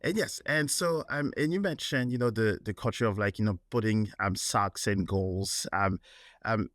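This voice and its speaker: Lowish-voiced man hosting a podcast. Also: moderate pace, a bit bright, no room sound, studio quality. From France. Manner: rambling questions with many fillers. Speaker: podcast host. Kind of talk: interview hosting.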